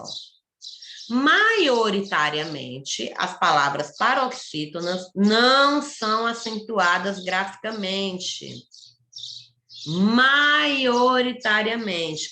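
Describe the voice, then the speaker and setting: Woman teacher, Brazilian Portuguese accent, bright voice, echoey room. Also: medium pitch, gravelly, slight background noise. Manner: slow, careful, explains step by step. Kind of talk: online lesson for children.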